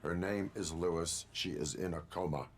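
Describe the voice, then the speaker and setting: An actor playing a stoic male cyborg police officer who speaks in terse, formal, deliberate sentences in a video game. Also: sits low, fairly even intonation, slight background noise, lightly acted. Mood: solemn, restrained.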